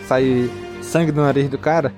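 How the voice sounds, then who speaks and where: A man's voice: medium pitch, fairly even intonation, moderate pace, a little mellow. A man with a Brazilian Portuguese accent co-hosting a podcast, chatting casually and effusively in slangy, emphatic fan talk. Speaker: podcast co-host. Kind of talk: excited casual fan chat. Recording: music behind the voice. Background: music.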